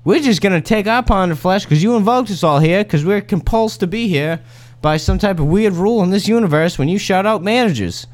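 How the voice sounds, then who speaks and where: A man doing a sneering, high-pitched restaurant manager. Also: lively intonation, fairly quick. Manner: sneering, sarcastic tirade. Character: scornful restaurant manager man, rude and mocking.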